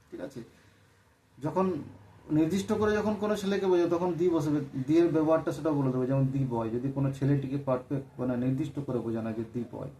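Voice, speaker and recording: A man's voice: fairly high pitch, dark tone. A man teaching a grammar lesson, explaining step by step and often checking that his listeners follow. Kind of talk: exam-prep grammar lesson. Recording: echoey room with faint noise.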